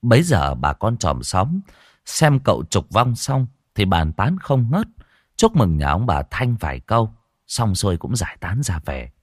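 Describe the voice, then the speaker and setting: A man narrates an audiobook story in a deep, low voice with a lively, expressive delivery. His pitch rises and falls a great deal. The recording is dry and close. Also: unhurried, no echo.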